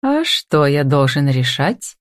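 A woman's voice: low-pitched, very animated, slow, dry recording, full character voice. A woman reading an audiobook and voicing a confident, wealthy businessman who teases and gives orders in a drawling, playful way, recorded dry and close.

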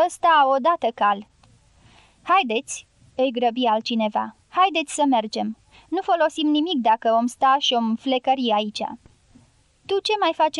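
A woman's voice: a little high, no room sound. Woman narrating an audiobook, dry close sound. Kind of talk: scripted narration.

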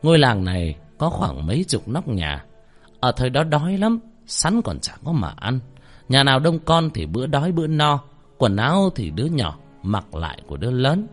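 Man telling a dark ghost story. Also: mid-range voice, huge pitch swings, moderate pace, soft background music. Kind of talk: spoken ghost story narration.

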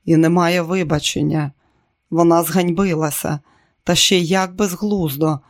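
An audiobook narrator reading a novel aloud in a steady, even manner. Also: mid-range voice, unhurried, no echo, studio quality.

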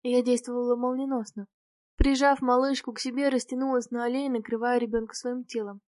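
A woman reading a novel aloud in the first person, with clear, expressive storytelling. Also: fairly high pitch, fairly quick, no echo, studio quality. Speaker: audiobook narrator.

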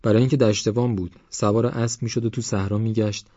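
A man's voice: fairly low pitch, fairly even intonation, warm tone, dry recording, lo-fi sound, natural voice. A male narrator voicing a bold young village girl who brags and talks like a know-it-all. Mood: boastful. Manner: cocky, chatty, know-it-all.

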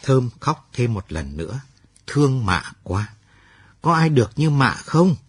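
A man narrating a late-night radio story. His husky voice moves through a lively pitch range, and the sound is dry and close. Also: measured pace, dry recording.

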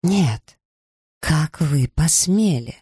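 A man's voice: mid-range voice, moderate pace, breathy edge, dry recording, studio quality. A man reading a wounded, furious young noblewoman in an audiobook, with accusing outbursts.

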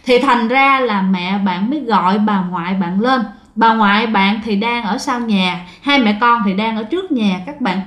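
A woman's voice: on the high side, normal speed, few pauses, a bit bright. A woman telling a ghost story to her listeners in a conversational way, often turning to them directly. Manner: conversational, addresses listeners often, acts out the family's lines. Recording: echoey room.

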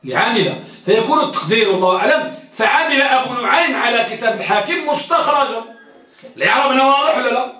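Male lecturer, high voice, quizzes students and repeats points; far from the mic in a very echoey classroom. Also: animated, quick pace, sharp tone. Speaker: teacher of hadith studies. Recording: very echoey room, distant mic.

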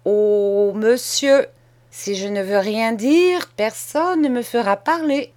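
A woman voicing a calm, defiant young schoolboy who speaks politely but firmly in an audiobook. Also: a little high, takes it slowly. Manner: polite, firm and unyielding. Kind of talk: audiobook character reading.

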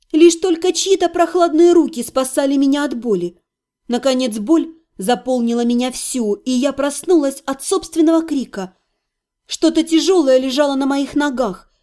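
High-voiced woman narrating an audiobook. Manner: expressive, dramatic. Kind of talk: first-person audiobook narration.

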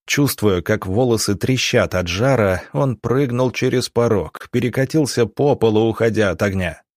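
Low-voiced male audiobook narrator. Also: darkish tone, dry recording, studio quality. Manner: measured, dramatic reading.

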